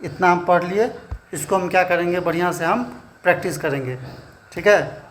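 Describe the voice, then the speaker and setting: A man teaching a shorthand class, explaining slowly and checking in with "theek hai" after every point. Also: high-pitched, fairly bright tone, a little hiss or hum. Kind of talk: classroom lesson.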